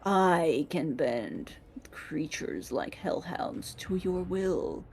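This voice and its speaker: Woman putting on a low, gravelly growling ancient spirit. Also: lively intonation, a little hiss or hum, heavily acted. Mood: cryptic, tempting. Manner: slow, formal, portentous. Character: imprisoned animalistic ancient spirit, hellhound whisperer, imperious and cryptic.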